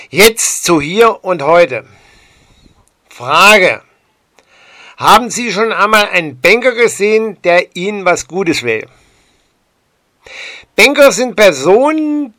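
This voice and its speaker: Slow, emphatic German man addressing citizens. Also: sits high, sharp tone, dry recording. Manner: slow, deliberate, emphatic delivery. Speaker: speaker addressing the public. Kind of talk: prepared public address.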